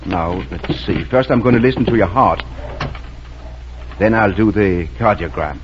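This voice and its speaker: Kindly small-town doctor, male actor, 1940s radio drama style, low register, noisy vintage recording. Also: unhurried, lo-fi sound, lightly acted. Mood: genial, reassuring.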